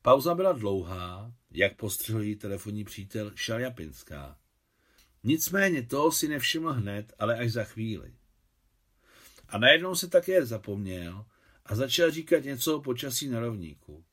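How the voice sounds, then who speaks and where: Man reading a short story aloud. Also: mid-range voice. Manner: measured, even reading. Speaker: audiobook narrator.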